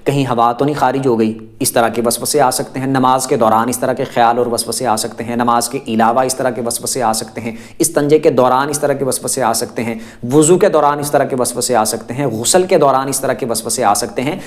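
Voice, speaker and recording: A man's voice: medium pitch, few pauses. Guy explaining religious rules to viewers, repeats himself a lot, lists examples, reassuring tone. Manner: repetitive, lists many examples. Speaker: religious teacher. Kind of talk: explanatory religious talk to camera.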